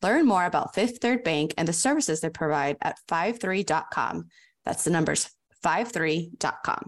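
A woman hosting a business podcast, asking questions and reading sponsor messages in an upbeat, steady way. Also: fairly low pitch, normal speed. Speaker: podcast host. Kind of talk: podcast interview and sponsor reads.

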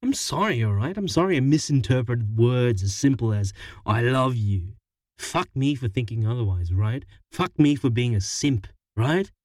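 A man's voice: medium pitch, expressive, moderate pace, a little mellow, dry recording, studio quality, close to an everyday voice. A man voicing a heartbroken young man who whines and defends himself in a strained, sputtering way. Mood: defensive. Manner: whiny and defensive.

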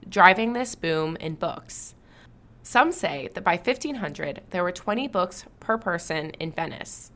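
A woman with a mid-range, fairly bright voice hosts a history podcast. She reads scripted narration in a clear, storytelling way and trades light banter with her co-host.

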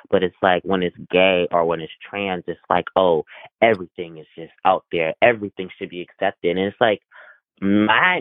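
A man's voice: low-pitched, no echo. A man calling in to a podcast, talking casually with many fillers and restarts. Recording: tinny phone line, dry.

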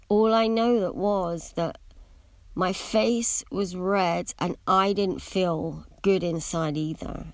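Her voice sits on the low side and sounds a little mellow, with no echo. This middle-aged podcast host wanders hesitantly through candid personal reflections, and her braces slightly blur some of her words.

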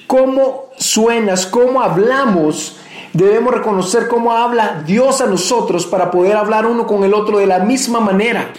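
A man's voice: sits high, reverberant. A man, a pastor, giving an earnest, conversational church message.

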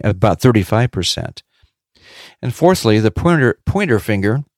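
A man teaching on a devotional podcast in a measured way, repeating key points for emphasis. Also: fairly low pitch, darkish tone, no echo, clean studio sound.

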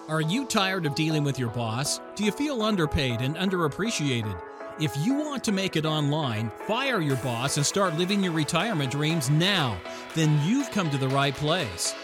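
A man reading a scripted podcast promo in a salesy infomercial style, like an announcer pitching to the listener. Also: sing-song, normal speed, over music. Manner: salesy, rhetorical pitch delivery.

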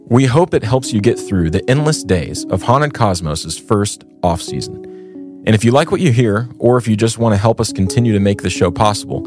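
Male podcast host, low register, scripted storytelling with ornate conversational phrasing, music bed behind. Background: background music.

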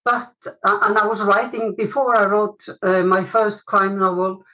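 A woman novelist chatting in a relaxed, talkative way as a panel guest. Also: medium pitch, normal speed, low-quality recording. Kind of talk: casual panel chat.

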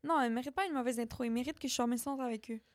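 A woman's voice: fairly high pitch, rapid-fire, dry recording, clean studio sound. A woman with a Montreal Québécois accent, co-hosting a casual podcast, teasing and sassy. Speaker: podcast co-host. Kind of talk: casual chat.

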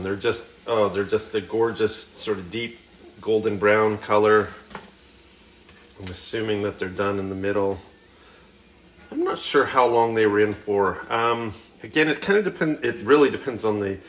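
A man's voice: lowish voice, fairly bright tone, slight background noise. A man hosting a hunting and cooking show, talking casually and hesitantly in his kitchen, with plenty of fillers and restarts. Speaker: hunting and cooking podcast host. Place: home kitchen.

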